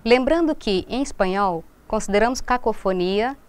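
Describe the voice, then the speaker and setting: A Brazilian woman with a Minas Gerais accent, a Spanish teacher explaining grammar rules in a recorded lesson and slowing down to read the example phrases. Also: mid-range voice, expressive, clean tone. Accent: Brazilian Portuguese, from Minas Gerais.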